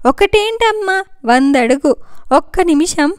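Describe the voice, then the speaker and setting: An affectionate young woman coaxing her mother, voiced by a woman storyteller. Her voice is high and tender. It sounds dry and close. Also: lively intonation, slow pace, no echo, heavily acted. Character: young adult daughter, affectionate and calm.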